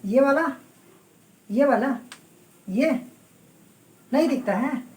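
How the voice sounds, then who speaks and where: A woman gives an exam-prep grammar lecture in a somewhat high voice. She repeats key points and keeps checking that her students follow. She is recorded from a distance in a roomy, echoing space. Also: animated, takes it slowly, darkish tone. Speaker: Hindi grammar teacher. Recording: roomy echo, voice away from the mic.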